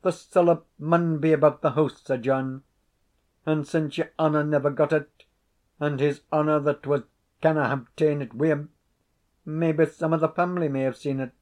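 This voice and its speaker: A man doing a frantic old Scots tenant, pleading high. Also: fairly even intonation, normal speed, a little mellow, close to an everyday voice. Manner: pleading, rising to frantic outbursts. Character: desperate honest old male tenant piper.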